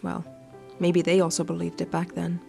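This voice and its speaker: This gaming video creator has a fairly low, mellow voice with vocal fry, and she sounds monotone at a moderate pace. She reads a visual novel's text aloud expressively during a playthrough and adds playful asides. Game music runs in the background.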